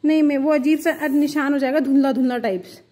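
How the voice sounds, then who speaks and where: High pitched young woman from jaipur just chatting away in her vlog at home, kinda playful. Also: fairly even intonation, a little fast, dark tone. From Jaipur, India. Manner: chatty, playful, laughs and teases. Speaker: vlogger. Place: at home, indoors.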